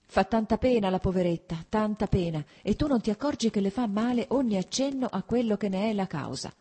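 A woman voicing an anxious, reproachful older princess and mother, with a husky voice. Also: medium pitch, fairly quick, mellow, pitched above the performer's own voice, close to an everyday voice. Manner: plaintive, reproachful.

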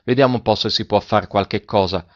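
A man reading aloud and voicing a kind, resolute grey-bearded older gentleman. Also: lowish voice, a little fast, dull audio, natural voice. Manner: kind and resolute, speaks with authority.

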